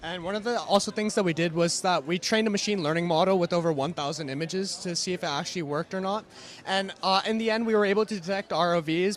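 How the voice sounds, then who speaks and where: Fast-talking high-voiced young man presenting. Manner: quick, explanatory, with frequent "and so" links. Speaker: student presenter. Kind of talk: team presentation.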